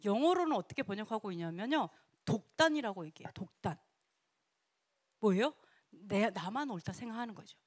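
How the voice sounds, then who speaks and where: A woman teaching a casual sermon in a lively way. She laughs often and acts out quoted speech. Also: medium pitch, a little fast, no room sound, clean studio sound. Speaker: Bible teacher.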